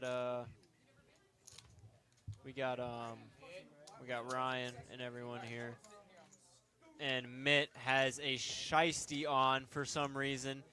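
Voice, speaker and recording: A man's voice: medium pitch, pushed and bright. A young man casually commentating a poker game on a stream, joking and rambling with fillers.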